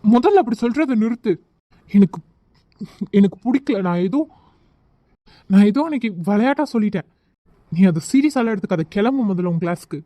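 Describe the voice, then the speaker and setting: A woman's voice: lowish voice, brisk, mellow, dry recording, lightly acted. A woman voicing a hot-tempered college guy. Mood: irritated. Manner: curt, snapping, pleading to be left alone. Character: hot-tempered young male college student. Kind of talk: amateur audio drama.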